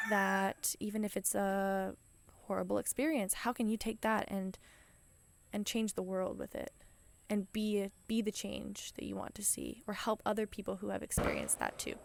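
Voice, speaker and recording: Upbeat woman with a gravelly edge. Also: mid-range voice. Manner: enthusiastic, encouraging, chatty with restarts. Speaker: podcast host. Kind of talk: motivational podcast monologue.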